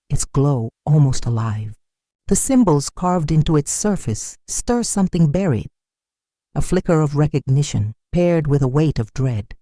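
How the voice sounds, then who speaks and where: In a dry, close recording without any room sound, a narrator reads a scripted folktale with solemn drama. The voice sounds dark and mellow, pitched in the middle range.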